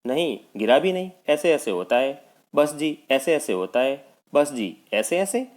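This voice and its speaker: A man's voice: fairly high pitch, big pitch swings, measured pace, pitched above the performer's own voice. A male teacher voicing a flustered father who animatedly retells his son's complaint, reading a play aloud. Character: flustered Indian father describing his son's odd stomach ache.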